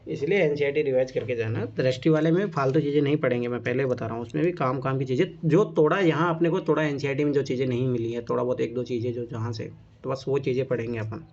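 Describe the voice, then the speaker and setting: A man's voice: mid-range voice, fast talker, darkish tone. A man teaching a casual exam-coaching class, emphatic and repetitive, often teasing his students. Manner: emphatic and repetitive, keeps saying "look now"; chatty, teases students. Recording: dull lo-fi recording.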